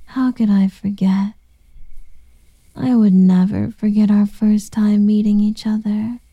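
A woman's voice: mid-range voice, creaky, husky, no echo, heavily acted. A woman playing a whispering, doting succubus. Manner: soft whispering, cooing pet names. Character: seductive, doting female succubus lover. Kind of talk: ASMR roleplay.

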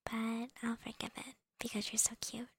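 A young woman whispering softly and teasingly into a close microphone, breaking into little laughs, in an ASMR girlfriend roleplay. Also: a little high, completely flat delivery, moderate pace, breathy edge, no echo.

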